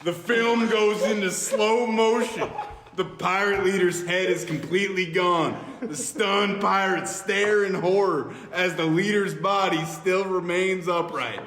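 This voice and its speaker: With a high, fairly bright voice, a man reads narration from an action film script aloud in a theatrical read-through among friends, stumbling occasionally. He's a podcast host, recorded in a reverberant, echoey room with faint noise.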